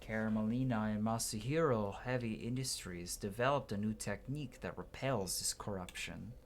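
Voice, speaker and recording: In this gameplay commentary, a man with a lowish voice reads game dialogue out loud with dramatic flair, occasionally tripping over words and restarting. There's a little hiss or hum on the recording.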